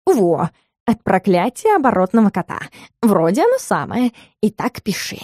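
A woman's voice: mid-range voice, big pitch swings, moderate pace, darkish tone, no echo, studio quality. A woman voicing a cocky, cowardly talking male cat in an audiobook, whiny and protesting. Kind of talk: audiobook character reading.

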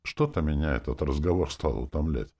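Deep-voiced male audiobook narrator. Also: fairly quick, mellow. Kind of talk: first-person fantasy narration.

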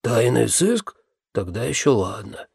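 Disembodied voice from empty air, gravelly, husky, invisible grumpy man, as a narrator puts him on, dry sound. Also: medium pitch, very animated, a little slow, a little mellow, no echo, exaggerated voice. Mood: indignant. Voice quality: hoarse, gravelly. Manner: indignant then guarded, mutters. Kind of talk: audiobook character voice.

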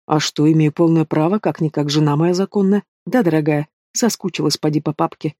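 A man's voice: fairly high pitch, fairly even intonation, brisk, darkish tone, no echo, studio quality, close to an everyday voice. Man voicing sneering lazy young villain. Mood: mocking. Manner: taunting, drawling, casual menace. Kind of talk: audiobook character voice.

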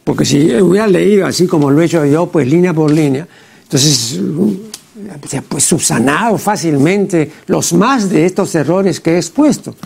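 A man with a high voice and a gravelly rasp delivers studio commentary for a TV program. He is deliberate and pedantic as he lists error after error. He keeps checking in with his listener through short questioning tags. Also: lively intonation, a little mellow. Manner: deliberate and pedantic, with frequent "¿no?" and "pues". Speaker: TV program host. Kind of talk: studio commentary critiquing a translation. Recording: TV program audio.

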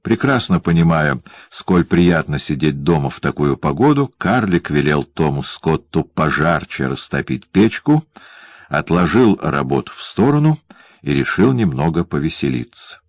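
Deep-voiced male audiobook narrator. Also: sing-song, moderate pace. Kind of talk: scripted literary narration.

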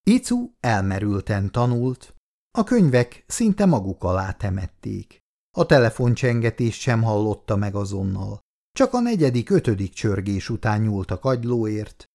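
A man narrating a story in an expressive reading style. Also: on the low side, vocal fry.

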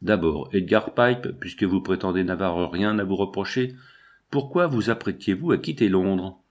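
A man reading an audiobook, voicing a burly, brutish male blackmailer who mocks and menaces in a slow, sneering way. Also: sits low, lightly acted.

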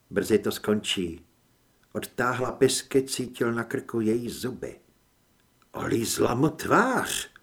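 A male narrator reads an action audiobook with a lot of swing in his pitch. His middle-height voice rises and drops to follow the scenes, and his delivery stays dramatic and varied throughout. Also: darkish tone. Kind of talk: scripted narration.

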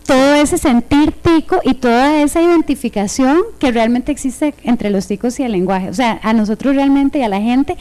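A Costa Rican woman co-hosting a radio show, enthusiastic, quoting local slang with lively voices. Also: high-pitched, moderate pace, few pauses, smooth.

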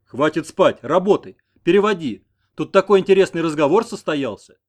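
Pompous, loud middle-aged local official, barking, played by a male narrator. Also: a little high, animated, normal speed, pitched above the performer's own voice, natural voice. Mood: bossy. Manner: bossy, loud.

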